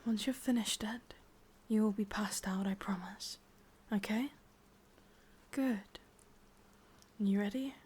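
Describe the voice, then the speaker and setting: Speaking with an English accent, a woman whispers breathily in an ASMR roleplay as a sadistic, possessive witch who is both commanding and doting. Her delivery is deliberate and intimate, her voice medium-pitched and a little mellow, and her mood coaxing and reassuring.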